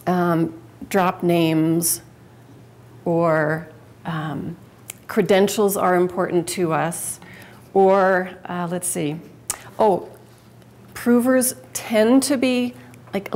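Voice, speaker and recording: A woman's voice: mid-range voice, darkish tone. A woman giving a live public speaking talk to an audience, chatty and conversational, often restarting and correcting herself mid-sentence.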